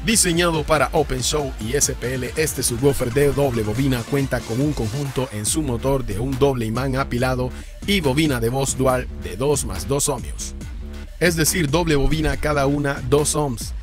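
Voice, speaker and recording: Steady and explanatory, a mid-range male voice at a moderate pace reads a scripted list of subwoofer specs and prices for a car audio channel. Music runs in the background throughout.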